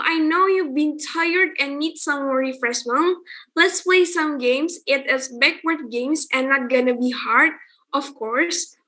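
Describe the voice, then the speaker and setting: A woman's voice: high voice, sharp tone. A young woman hosting an online student event, calling on delegates one by one and encouraging them.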